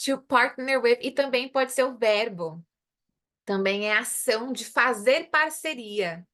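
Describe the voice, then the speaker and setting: A woman's voice: fairly high pitch, lively intonation, unhurried, a bit bright. A woman with a Brazilian Portuguese accent teaching an English lesson in a chatty, casual way, explaining words in Portuguese and drilling English pronunciation.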